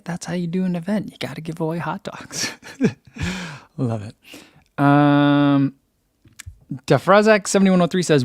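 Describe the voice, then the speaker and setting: Streaming live from home, a young man with a fairly high, soothing voice chats casually about running and reads viewers' comments out loud. Laid-back and talkative, he laughs readily and fills pauses often. The desk mic next to his computer delivers studio-quality audio, free of room sound.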